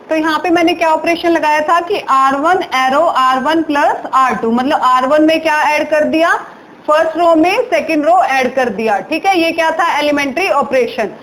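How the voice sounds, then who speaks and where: High-voiced woman teaching maths. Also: a bit bright, rough recording. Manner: explains step by step with constant quiz questions. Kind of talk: classroom lecture.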